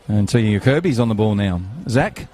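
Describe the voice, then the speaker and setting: A man's voice: fairly low pitch, lively intonation, a little fast, mellow, a faint crowd, slight background noise. Chatty male football commentator. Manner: chatty, rambling, with banter and many fillers. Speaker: match commentator. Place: outdoors at a football ground.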